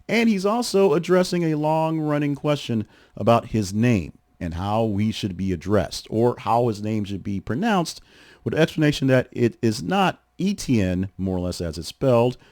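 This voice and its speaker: A man's voice: mid-range voice, a little mellow, dry recording, studio quality. A man hosting a show, talking through sports news in a chatty, conversational way with the odd restart. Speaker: podcast host. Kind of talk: casual sports commentary.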